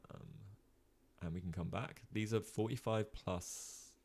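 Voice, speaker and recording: A young man giving casual live-stream chess commentary, chatting with viewers and filling pauses with ums and uhs. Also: lowish voice, gravelly, darkish tone. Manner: chatty, many ums and uhs, reads chat.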